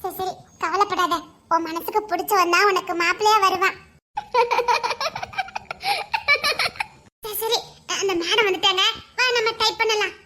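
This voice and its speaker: A woman's voice: very high-pitched, steady tone, fairly quick, bright, forceful tone, slight background noise. Woman doing a cheerful young girlfriend. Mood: reassuring.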